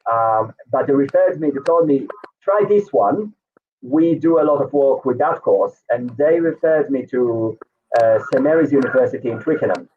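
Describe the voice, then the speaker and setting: An Israeli man in his thirties, a native Hebrew speaker with an Israeli accent, tells his story casually as an interview guest in a mid-range voice at a moderate pace. He rambles with lots of fillers and restarts. The video call audio is distant and tinny, with faint noise.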